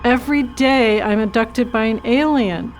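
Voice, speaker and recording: A woman with a fairly high voice complains through her story in a mock testimonial. She sounds slow and aggrieved, with faint music behind. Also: rough recording. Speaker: interviewee.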